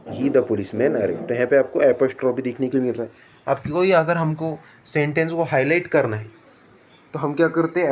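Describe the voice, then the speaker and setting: मराठी लहजे वाला एक आदमी अंग्रेज़ी व्याकरण की कक्षा पढ़ाता है, अंग्रेज़ी नियम धीरे-धीरे पढ़ता है और फिर हिंदी में सवाल पूछकर समझाता है।. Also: male voice, mid-range voice. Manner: reads English rules slowly, then explains in Hindi with rhetorical questions. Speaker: English teacher. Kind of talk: classroom lesson explaining punctuation.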